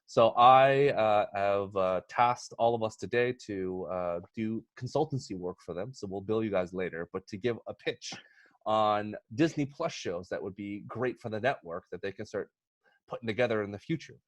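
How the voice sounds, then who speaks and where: A podcast host with a fairly low-pitched voice chats casually at normal speed, introducing topics and pitches. He's jokey and rambling, full of asides, and the audio has no echo.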